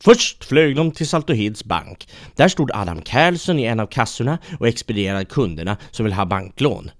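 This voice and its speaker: A man narrating a comic story in a deadpan, matter-of-fact way. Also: mid-range voice, dry recording, clean studio sound.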